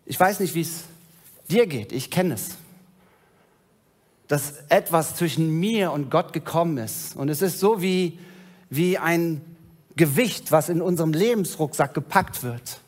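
A male pastor preaching a sermon, retelling scripture in a storytelling way and dropping low and soft at solemn moments. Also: a little slow.

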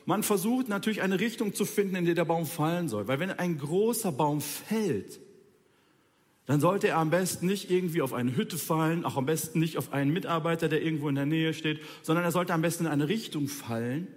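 A man's voice: a little high, expressive, fairly quick, long reverb tail. A man preaching an informal sermon, talking straight to his listeners in a colloquial, ironic way.

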